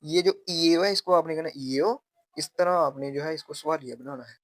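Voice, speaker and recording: A man teaching grammar step by step, repeating and slowly drawing out example phrases. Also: a little high, no room sound. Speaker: language teacher.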